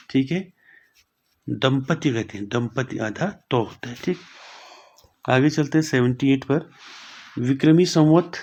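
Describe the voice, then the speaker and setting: A young man teaching a spelling lesson for exam preparation, repeating each word and closing points with a quick "okay". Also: mid-range voice, darkish tone, muffled recording. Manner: repeats words slowly, ends points with "thik hai".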